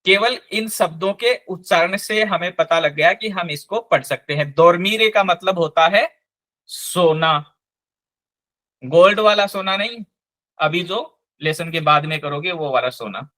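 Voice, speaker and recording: Slow, patient male language teacher. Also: high voice, sharp tone. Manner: slow, patient spelling out of sounds. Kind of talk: online class lesson.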